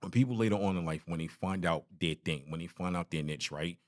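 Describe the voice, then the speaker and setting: In a casual podcast interview, the host, a man in his forties, keeps things loose with slangy banter. He has a low voice and speaks fairly quickly.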